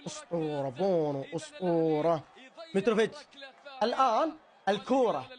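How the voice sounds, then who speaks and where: A young man with a Saudi accent reacts to a football match in comic commentary, excitable and full of mock outrage. His voice sits high and his words come in a rapid rush. He breaks into shouts and laughter often. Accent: Saudi Arabic. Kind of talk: comedic live reaction commentary.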